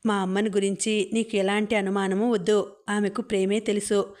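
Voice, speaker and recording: A woman's voice: mid-range voice, little pitch movement, moderate pace, natural voice. A woman reading a teasing young husband. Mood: warm, teasing. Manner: playful, gently reasoning.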